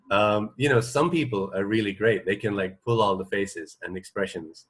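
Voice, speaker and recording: A low-pitched, husky, slightly bright male voice chats casually as a radio co-host at a moderate pace. He feels his way through his sentences, repeating words and checking in with small questions.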